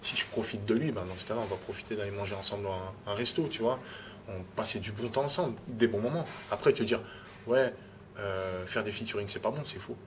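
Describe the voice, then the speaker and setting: A man with a fairly low voice speaks in a relaxed interview, stumbling and restarting lines and dropping "tu vois" between thoughts. Clear background noise sits under the recording. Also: fairly quick. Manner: repeats words, restarts phrases, adds "tu vois". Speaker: rapper being interviewed. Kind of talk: casual interview talk.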